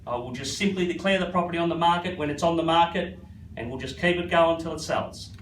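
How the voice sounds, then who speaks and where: A high-pitched Australian man runs a live property auction with repetitive patter, naming bidders as he goes. His voice rings with echo and sits a little back from the mic, with faint noise behind it. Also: fast, fairly bright tone. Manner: repetitive, addresses bidders by first name. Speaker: real estate auctioneer. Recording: echoey, slightly distant, faint background noise.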